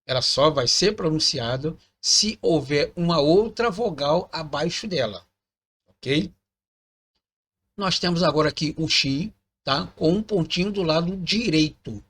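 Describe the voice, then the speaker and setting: A man's voice: a little high, lively intonation, unhurried, fairly bright tone, slightly rough. Patient man teaching Hebrew vowel marks. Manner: patient, repeats words, checks in with "tá bom?". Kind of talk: explanatory lesson pointing at text.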